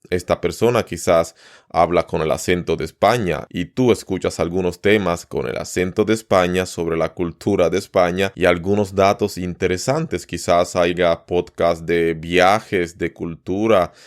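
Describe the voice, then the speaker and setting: Deep-voiced man teaching in a podcast. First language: Spanish. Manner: repeats words and lists them slowly for learners. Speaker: Spanish teacher and podcast host. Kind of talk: podcast lesson for learners.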